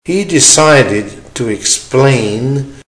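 A man reading a dictation exercise as a teacher, in short, measured, deliberate phrases with punctuation spoken aloud. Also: mid-range voice, animated, poor audio. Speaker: language teacher giving dictation.

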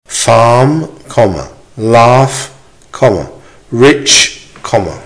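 Slow, deliberate man reading a dictation. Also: mid-range voice, big pitch swings, fairly bright tone. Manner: deliberate, measured enunciation with pauses. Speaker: language teacher reading dictation. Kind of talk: slow dictation read aloud, each phrase repeated, punctuation spoken.

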